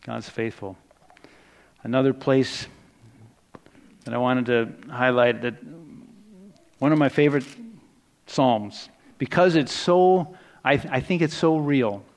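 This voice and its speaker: A man preaching a sermon in a conversational, reflective way, dropping softer for quoted words. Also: medium pitch, slow pace, pauses often.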